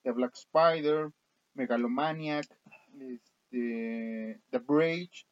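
A man with a Mexican Spanish accent co-hosts a casual horror film podcast, listing titles with plenty of fillers and frequent laughter. His mid-range voice draws out words, and the audio is dull, dry, and lo-fi.

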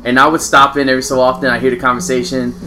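A man's voice: medium pitch, flat delivery, rapid-fire, over music. An American man telling stories casually among friends, peppering his slangy talk with bro, dude and man. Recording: clear background noise.

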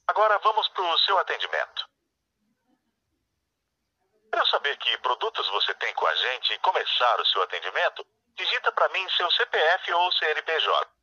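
A man's voice: a little high, sharp tone, husky, dry recording. A Brazilian man reading scripted phone prompts in a polite, informal customer service voice, heard over a telephone line. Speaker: automated bank phone line voice. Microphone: recorded prompts heard over a phone call. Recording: dull telephone-line recording.

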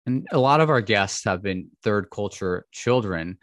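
Deep-voiced male podcast host, steady delivery, dry close recording. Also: unhurried, dry recording. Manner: steady, reads bio then chats. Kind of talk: scripted intro then casual chat.

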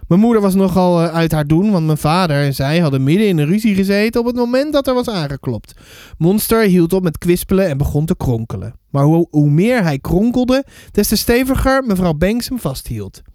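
Lively man reading a story aloud. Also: sits high, a little fast, dry recording, clean studio sound. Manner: lively, with fillers and self-corrections. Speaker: podcast host reading a book. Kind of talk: reading a children's book aloud.

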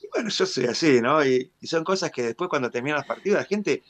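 A man from Mar del Plata with an Argentine accent, a stadium announcer telling stories in a radio interview with animated pride. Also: on the high side, quick pace, dry recording. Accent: Argentine Spanish, Mar del Plata. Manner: animated storyteller, proud and expansive.

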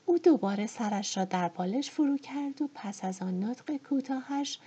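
Woman narrator, audiobook reading, warm mellow tone, husky, measured and expressive. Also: fairly high pitch. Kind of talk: scripted novel narration. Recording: dull lo-fi recording.

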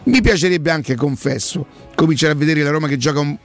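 Creaky-voiced male radio host. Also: a little high, brisk, faint music behind. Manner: colloquial, interjecting, repeats phrases for emphasis. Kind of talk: casual football talk.

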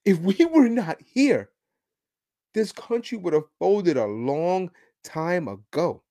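A man's voice: sits high, big pitch swings, slow, dark tone. Ranting male podcast host. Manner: emphatic, ranting, with restarts. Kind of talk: political commentary monologue.

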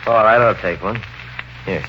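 A man's voice: lowish voice, normal speed, close to an everyday voice. A man playing a hesitant, polite hotel guest in 1940s radio style. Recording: muffled old radio, faint noise.

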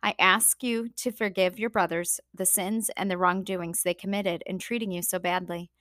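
A woman reading a Bible passage aloud and then giving a devotional talk that asks the listener gentle questions. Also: on the low side, no room sound, clean studio sound. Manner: steady unhurried reading with small slips.

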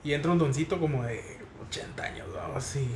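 A man's voice: on the high side, a little fast, echoey room, slight background noise. A man, a barber chatting casually in an interview, slangy and laughing often. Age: 20s.

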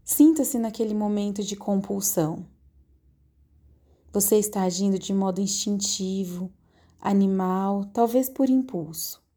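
Woman, guided meditation, slow soothing delivery, warm mellow tone. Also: mid-range voice. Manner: slow, soothing, calmly directive.

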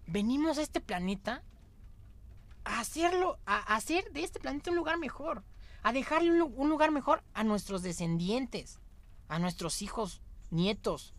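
A man's voice: high-pitched, a bit bright. Earnest man giving motivational talk. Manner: earnest and exhorting, repeats phrases. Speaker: podcast host. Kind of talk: motivational monologue.

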